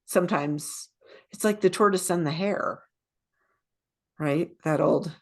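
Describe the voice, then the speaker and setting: A woman's voice: lowish voice, slow. A woman co-hosting a podcast who steers the casual conversation thoughtfully and asks questions. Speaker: podcast co-host.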